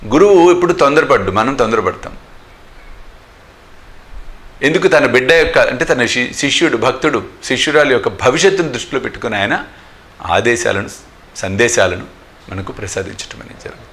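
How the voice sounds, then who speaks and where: A man's voice: mid-range voice, expressive, a little fast, long pauses, a bit bright. Emphatic male spiritual teacher. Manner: emphatic, rhetorical questions, mixes in English phrases. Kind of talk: devotional discourse.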